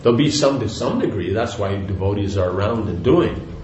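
An older man teaching devotion speaks in an animated, slightly fast, rambling way, with frequent restarts, asides and "you know." His lowish voice has a darkish tone, and the recording is muffled, from an echoey room with faint noise.

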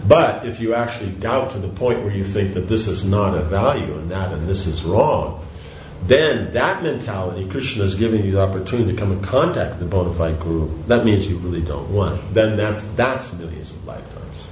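An older man, a spiritual teacher, delivers a devotional lecture in a low, lively voice, talking fairly quickly with few pauses and a slightly mellow tone. His talk rambles conversationally, full of restarts, asides, and frequent "you know"s. The audio is dull, recorded in an echoey room with faint noise.

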